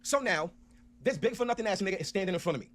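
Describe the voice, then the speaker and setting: Fast-talking, animated storytelling man. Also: high-pitched. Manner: animated, profane, acts out both sides of an argument. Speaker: streamer telling a story. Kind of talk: casual storytelling rant.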